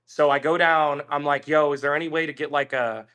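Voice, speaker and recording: A man with a slightly high, bright, forceful voice tells a story in loose, animated chat. He swears a lot and slips into quick impressions of the people he met. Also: clear, resonant tone. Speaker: podcast guest.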